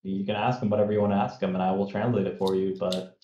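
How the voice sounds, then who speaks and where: A man's voice: sits low, flat delivery, fast, mellow. A man playing a tabletop game, speaking hesitantly with lots of fillers, in dull, roomy audio. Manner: hesitant, filler-heavy speech. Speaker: player. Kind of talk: tabletop game role-play.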